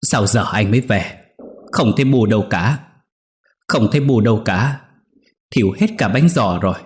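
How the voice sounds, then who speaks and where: A man's voice: fairly low pitch, normal speed, natural voice. A man voicing a worried, tearful middle-aged daughter-in-law who pleads urgently. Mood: panicked.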